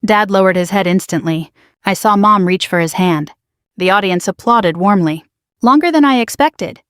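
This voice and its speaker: A woman narrating a first-person story in a measured, quietly dramatic manner. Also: medium pitch, clean tone, dry recording, clean studio sound.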